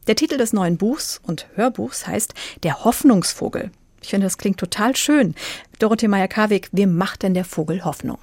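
A woman's voice: mid-range voice, lively intonation, normal speed, darkish tone, no room sound, clean studio sound. A woman radio host introducing a book and asking a critic questions in a conversational way. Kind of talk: radio presenting.

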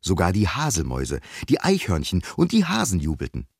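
Tiefe, lebhafte Männerstimme, Hörbuch. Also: male voice, low-pitched, brisk, creaky, slightly rough, no echo, clean studio sound. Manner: lively storytelling. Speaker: audiobook reader. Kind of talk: expressive audiobook narration.

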